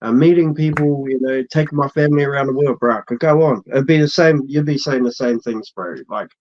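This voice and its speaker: A man's voice: medium pitch, a little fast, darkish tone. Laid-back kiwi guy, broad accent, slangy casual chat, kinda dull lo-fi sound. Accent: broad New Zealand. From New Zealand. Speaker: interview guest, social media creator. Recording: dull, muffled lo-fi audio.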